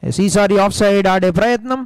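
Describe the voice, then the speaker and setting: A man with an Indian accent giving excited, emphatic live cricket commentary. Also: high-pitched, fast, clean tone, no echo, poor audio. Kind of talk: live cricket commentary mixing Telugu and English.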